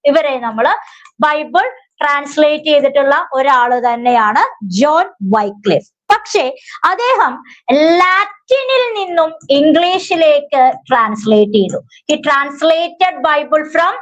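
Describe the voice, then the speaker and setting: A woman's voice: high-pitched, poor audio. A woman with a Malayali accent teaching an exam revision lesson, asking questions and answering them herself. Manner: stretches words slowly when reading English.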